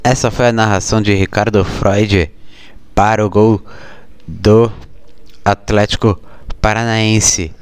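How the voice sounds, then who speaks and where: A Brazilian man hosting casual football news, speaking haltingly with frequent mid-sentence pauses. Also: on the low side, fairly even intonation, clear, resonant tone, no room sound. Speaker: sports show host.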